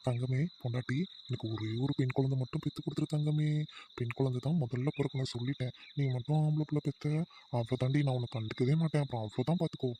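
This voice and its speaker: A man's voice: medium pitch, fairly even intonation, quick pace, warm tone, a little hiss or hum, close to an everyday voice. A man playing a doting playful husband. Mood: affectionate. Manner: playful, teasing, affectionate. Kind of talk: family comedy skit acting.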